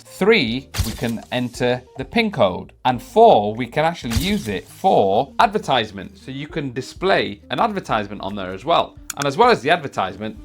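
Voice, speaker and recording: A man giving a casual product demo, explaining features step by step in an explanatory manner. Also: medium pitch. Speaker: product reviewer and demonstrator. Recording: music behind the voice.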